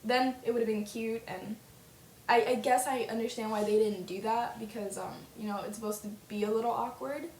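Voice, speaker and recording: A woman's voice: fairly high pitch, steady tone, fairly quick, darkish tone. Chatty young woman gushing on a webcam. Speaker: fan vlogger. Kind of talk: casual opinion vlog. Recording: roomy webcam audio with faint hiss.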